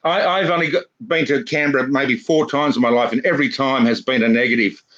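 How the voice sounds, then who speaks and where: A man's voice: medium pitch, fairly even intonation, quick pace, fairly bright tone. An Australian man in casual chat, telling stories in a wry, grumbling way. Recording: slightly muffled recording.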